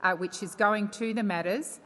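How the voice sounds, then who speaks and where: A woman's voice: mid-range voice, normal speed, a bit bright. A woman with an Australian accent presiding over a formal debate, firm and authoritative, repeating names and instructions. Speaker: parliamentary presiding officer. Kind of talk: formal procedural chairing of a debate. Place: large parliamentary chamber. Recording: echoey chamber with long reverb.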